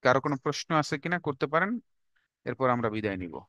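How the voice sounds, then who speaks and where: A man with a Bangladeshi accent teaching an online English class, who says English phrases slowly and repeats them before explaining. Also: medium pitch, sing-song, pushed and bright, no echo, highs cut off.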